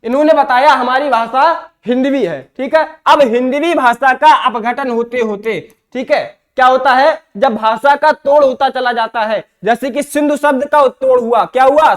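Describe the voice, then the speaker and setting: A male teacher with an eastern Uttar Pradesh Hindi accent giving an exam-prep lecture, often asking questions and answering them himself. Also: very high voice. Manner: repeats himself, asks and answers his own questions.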